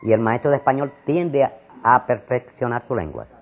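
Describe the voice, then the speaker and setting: An older Puerto Rican man talks in an animated, rambling way, his voice rising and falling widely and repeating words as he goes. His tone is slightly husky. The recording is dull and lo-fi. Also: medium pitch, moderate pace. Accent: Puerto Rican Spanish. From Puerto Rico. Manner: animated and discursive, repeats words, frequent fillers. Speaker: interviewee, retired school principal. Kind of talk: casual conversation. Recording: muffled lo-fi recording.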